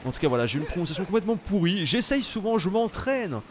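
A young French man giving casual, animated commentary while playing a video game, exclaiming at the action. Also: high-pitched, fast talker, a little hiss or hum. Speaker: let's play host.

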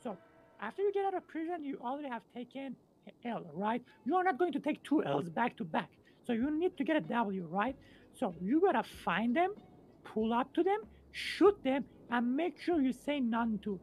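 A woman's voice: a little high, big pitch swings, normal speed, a little mellow, rough recording. A woman giving emphatic, instructional improvised role-play talk, checking for agreement, in a streamed game clip. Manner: emphatic, repeats "right" for agreement. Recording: streamed clip with music behind.

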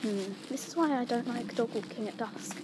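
A woman's voice: fairly high pitch, moderate pace, heavy background noise. A teenage girl vlogging casually. Outdoors she walks her dog on a cold street and is out of breath, later she talks to a handheld camera. She rambles and often drops into a whisper. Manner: rambling, chatty, drifts into whispers. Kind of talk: casual vlog chat.

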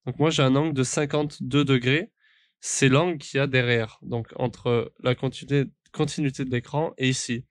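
A man's voice: medium pitch, steady tone, moderate pace, no echo, studio quality. A man walks through a game setup in a casual tutorial, rambling with many fillers and restarts into a desk microphone at his home gaming setup. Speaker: sim racing YouTuber. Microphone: studio microphone at a desk.

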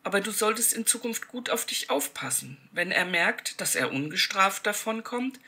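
A woman's voice: medium pitch, lively intonation, moderate pace, bright, forceful tone, breathy edge, voice pushed up, heavily acted. A woman voicing a brave, caring seventeen-year-old girl who speaks urgently and with indignation. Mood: earnest.

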